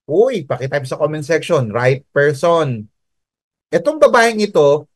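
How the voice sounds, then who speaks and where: A Filipino man delivers a sermon, moving between Tagalog and English as he reads scripture in a slow, drawn-out way. His voice sits a little high for a man. The sound is dry and close, with no room around it. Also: dry recording. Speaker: pastor.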